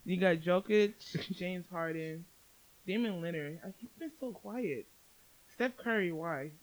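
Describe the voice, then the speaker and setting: A man in casual sports chat, playful and animated, cutting in with quick reactions. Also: sits high, poor audio.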